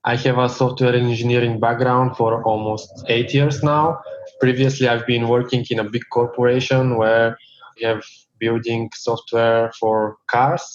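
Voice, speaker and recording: Flat-voiced man, muffled audio. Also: medium pitch. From Bulgaria. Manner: measured, flat delivery with some stumbles. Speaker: tech lead guest. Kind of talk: interview answers.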